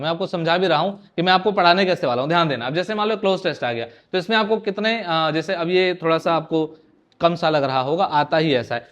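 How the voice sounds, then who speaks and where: A man with a high-pitched voice teaches an exam-prep class online. He keeps asking his students questions and answers them himself, drilling each point. He mixes words into his speech. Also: fairly bright tone. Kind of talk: online lecture.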